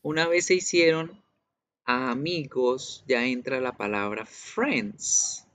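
Slow-speaking male teacher explaining to students. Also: mid-range voice, expressive, fairly bright tone. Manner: explanatory, addresses students directly with frequent check-ins. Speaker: English teacher. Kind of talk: online class lesson. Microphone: computer mic in a video class.

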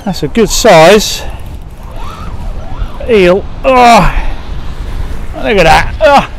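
A man in his forties vlogging as he sea-fishes from a windy harbour wall, rambling with many fillers and excited when he gets a bite. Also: high voice, extremely slow, gravelly. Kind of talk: casual outdoor vlogging. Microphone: action camera at arm's length.

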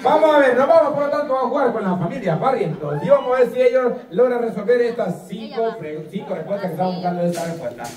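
Teasing contestants and laughing frequently, this Salvadoran-accented man hosts a quiz show in an extremely high, animated voice, talking fast with hardly any pauses. The audio is echoey and picked up from afar, over a noisy crowd.

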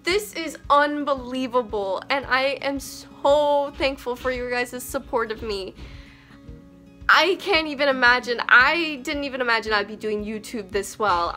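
A young woman telling an excited story-time vlog as a small YouTuber, gushing and breathless with excitement. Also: sits high.

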